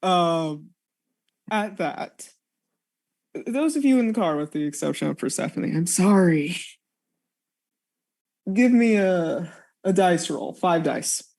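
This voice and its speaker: A woman's voice: fairly low pitch, animated, slow pace, vocal fry, pauses often, a little mellow. A woman narrating a tabletop game as game master.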